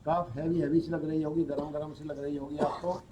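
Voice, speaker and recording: A man guides a yoga nidra session, talking the listener through relaxing each part of the body in calm, slow instructions. His voice sits a little high for a man. Faint ambience hums behind him. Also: background noise. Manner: calm, slow instructions mixing Hindi with English words. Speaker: yoga teacher.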